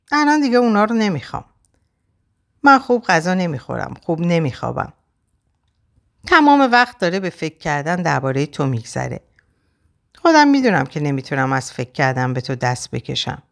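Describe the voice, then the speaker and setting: A woman reading as a torn young wife. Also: on the low side. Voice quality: emotional, pleading. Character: troubled young married woman, torn by love.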